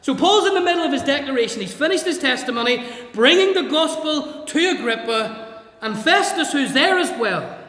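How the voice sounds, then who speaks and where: Male preacher, high and bright voice, expository sermon, reverberant church. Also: lively intonation, moderate pace. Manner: expository, reads scripture aloud and explains it. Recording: echoey church hall.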